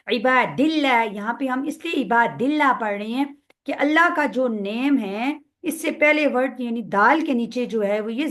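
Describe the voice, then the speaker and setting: A woman with a Pakistani Urdu accent giving a recitation lesson, explaining and then reciting passages slowly and drawn out. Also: on the high side. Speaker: teacher of prayer recitation.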